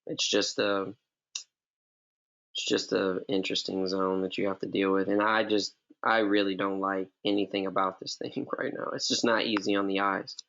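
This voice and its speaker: Gravelly low-voiced man coaching traders. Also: level tone, moderate pace, fairly bright tone, dull audio. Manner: laid-back, slangy, repeats himself. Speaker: forex trading mentor. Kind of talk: casual live trading session.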